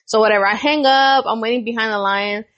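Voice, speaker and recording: Young woman co-host, lively and foul-mouthed, raised pitch, casual chat. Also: fast talker, lo-fi sound. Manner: animated, profane, laughs often. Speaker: podcast co-host.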